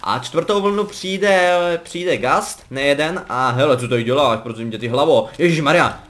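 A young man talks his way through a game session in a relaxed, rambling way, his voice sitting a little high. He jokes with his viewers and jumps into sudden excited yelps when the action turns against him. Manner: chatty, joking, rambling, breaks into excited yelps. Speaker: gaming commentator. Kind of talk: casual gameplay commentary.

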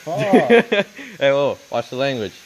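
The young man's mid-range voice has a sing-song lilt, and he takes his time speaking. Phone in hand, he films coworkers inside a large warehouse, chatting casually, teasing them and laughing often. Noisy warehouse ambience comes through the handheld phone camera.

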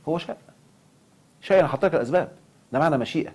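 A man with an Egyptian Arabic accent giving an impassioned self-development lecture, animated and quick to swing into mock outrage. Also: fairly high pitch, breathy edge.

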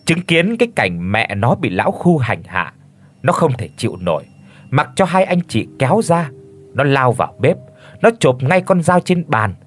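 A man's voice: medium pitch, slightly rough. A man narrating a horror story with a tense, theatrical delivery.

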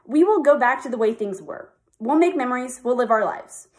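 Teenage girl, high voice, earnest, upbeat, emotional, casual video address. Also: lively intonation, brisk, darkish tone. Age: teens. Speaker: yearbook staffer.

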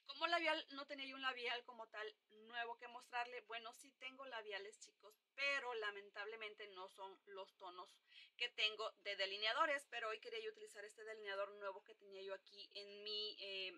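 A woman's voice: a little high, steady tone, fairly quick, bright, forceful tone. A young woman, chatting casually through a makeup review with lots of hesitant fillers. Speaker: makeup vlogger. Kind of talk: casual product review chat.

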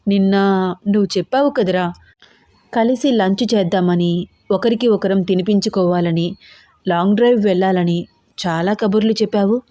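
A woman's voice: medium pitch, moderate pace, long pauses, dark tone, no echo, close to an everyday voice. A woman voicing a young wife in her twenties who pleads and coaxes. The recording is dry and close. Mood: coaxing. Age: 20s. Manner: pleading, coaxing. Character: young newlywed wife, pleading and sweetly pouty.

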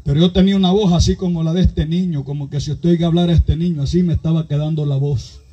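A man's voice: a little high, fairly even intonation, fast talker, warm tone, slightly rough, lo-fi sound. A man preaching a fervent sermon, with a strong voice and constant calls to his "brothers.". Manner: impassioned, repeatedly addressing listeners as brothers. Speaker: pastor.

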